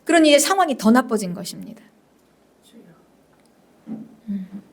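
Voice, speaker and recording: A woman's voice: on the high side, sing-song, measured pace, slightly rough. A woman senior pastor preaching a sermon, emphatic and repetitive, questioning her congregation and sometimes dropping to a whisper. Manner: emphatic, repeats phrases, drops to whispers at times; addresses the congregation directly with questions.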